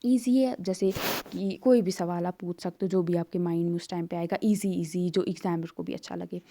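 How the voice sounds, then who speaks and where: A woman's voice: lowish voice, fairly even intonation, fairly quick, dark tone, a little hiss or hum. A woman tutor walks through an exam paper in a conversational way, explaining step by step with many fillers.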